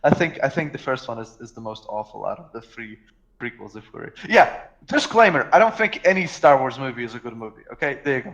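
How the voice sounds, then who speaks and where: A man's voice: medium pitch, big pitch swings, brisk, fairly bright tone, dull audio. A man from Russia in casual podcast chat, rambling and joking with swearing and frequent restarts. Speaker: podcast co-host.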